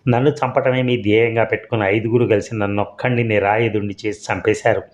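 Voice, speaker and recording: A harsh, vengeful gunman from a spoken story, voiced by a man in a low, even voice. He threatens coldly and without hurry. The recording is dull and lo-fi. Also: fast talker, lightly acted. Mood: menacing. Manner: harsh, menacing. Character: cold vengeful man with a revolver.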